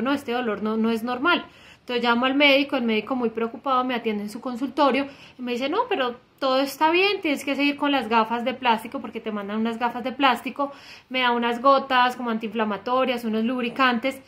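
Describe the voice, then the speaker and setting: A woman's voice: fairly high pitch, fairly bright tone. A young woman from Bogotá with a Colombian Spanish accent tells her story as a patient to a phone camera at home, earnest and emphatic, often restarting her words. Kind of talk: personal testimonial to camera. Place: indoor room at home.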